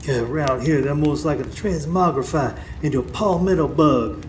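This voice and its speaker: A live radio drama recording, with background noise, captures a man on stage before a studio audience as a stern, wise old folk healer. He is terse and commanding as he instructs, grave in mood. His voice is on the high side, a little fast, and lightly acted.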